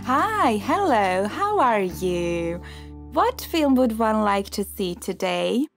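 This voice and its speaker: A woman's voice: mid-range voice, sing-song, creaky, faint music behind, full character voice. A woman voicing a snooty, mock-polite cinema ticket seller. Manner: slow, posh, mock-polite.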